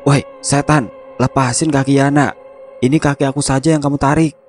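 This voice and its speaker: A man's voice: fairly low pitch, normal speed, a little mellow, soft background music, lightly acted. A man voicing a shy, clumsy young man in love who stammers but turns cheeky.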